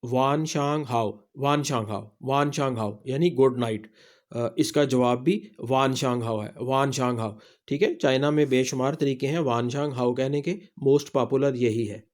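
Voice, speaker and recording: A man's voice: medium pitch, steady tone, a little mellow. A man with a Pakistani Urdu accent, teaching a casual spoken lesson and patiently repeating each word for practice. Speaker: language teacher.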